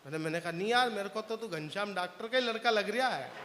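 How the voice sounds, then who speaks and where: A man working a live crowd as a comic stage poet, high-pitched and bright in tone, trading jokes and acted dialogue with the crowd. His voice rings out with a long hall reverb behind it. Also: expressive, fast talker, a little hiss or hum. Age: adult, father of a young child. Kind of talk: comic poetry stage performance.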